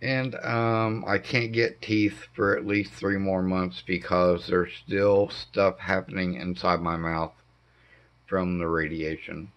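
A middle-aged man with a hoarse voice impaired by throat cancer treatment, giving a halting, casual update at home with many pauses. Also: low-pitched, flat delivery, a bit bright. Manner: slow, halting delivery with frequent ums. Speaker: homestead vlogger. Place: dim living room indoors. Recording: dull lo-fi camera audio.

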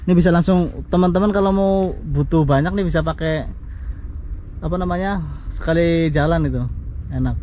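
A man's voice: a little high, moderate pace, mellow. A man hosting a farm vlog, asking questions and turning to his viewers in a casual chat outdoors. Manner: chatty, questioning, addresses viewers. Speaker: farm vlogger interviewer. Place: outdoors in a grass field. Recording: dull outdoor sound with faint rural noise.

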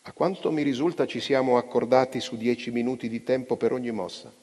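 Male reader as an icy chess master, slow and clipped, low and husky, with a long reverb. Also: darkish tone, lightly acted. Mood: cold. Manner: slow, dry, coldly ironic. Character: cold, haughty male chess champion, curt.

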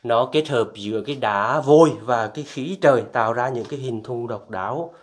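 Inside an echoey limestone cave with long reverb, a travel vlogger with a brisk, mid-range voice narrates a casual guided tour. He's enthusiastic and keeps addressing his viewers.

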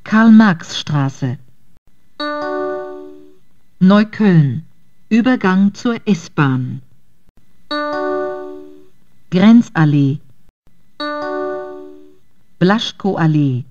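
A woman's station calls come over a train intercom, each one slow and deliberate. Her voice sits fairly low. The sound is dull and lo-fi, with piano music clearly behind it. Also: animated. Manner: measured, clipped station calls. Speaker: train announcer. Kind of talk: recorded station announcements.

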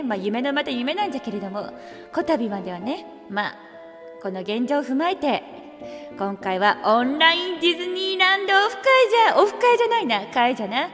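A woman's voice: sits high, very animated, a little fast. A woman hosting a karaoke livestream and chatting casually, using an archaic regal way of talking and playfully greeting viewers one by one. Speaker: virtual streamer hosting a karaoke stream. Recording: reverb-heavy with music playing behind.

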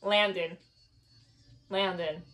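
A young woman in casual, playful banter, giving short, halting replies and guesses. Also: fairly low pitch, fairly even intonation, fairly bright tone. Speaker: challenge video participant. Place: small bedroom, indoors.

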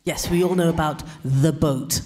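A woman preaching a lively, humorous sermon in church, pausing for an interpreter. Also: low-pitched, a little hiss or hum. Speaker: pastor.

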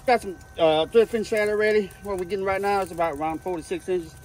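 A man's voice: high voice, fairly even intonation, quick pace, slight background noise. A man working as a fishing guide, talking casually and plainly while explaining things outdoors on a boat.

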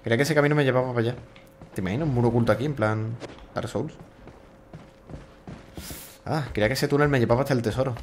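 A man's voice: medium pitch, fast talker, long pauses, a little hiss or hum. A man doing casual, joking gameplay commentary, swearing freely and talking to the characters on screen. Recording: game music playing behind.

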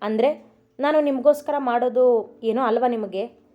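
A woman's voice: on the high side, normal speed, lightly acted. A woman voicing an anxious young wife who fires off pleading questions at her husband in a story reading. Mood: upset. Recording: dull recording with soft music.

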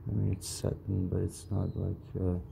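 A man casually showing off his knives, mumbling in a quiet, halting way. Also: sits low, monotone, creaky, background noise. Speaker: knife collector vlogger. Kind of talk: casual show-and-tell.

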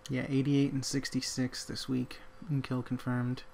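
Guy commenting on his gameplay, mid pitch, mumbly and self-mocking, faint hiss behind. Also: monotone, measured pace, gravelly, a little mellow. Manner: muttering, self-deprecating reactions. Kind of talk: casual gaming commentary.

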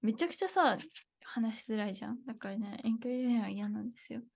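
Chatty young woman teaching, slightly high. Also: animated, fast, creaky, darkish tone, no room sound. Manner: chatty, thinks aloud, laughs often. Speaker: Japanese teacher. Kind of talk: casual live online lesson.

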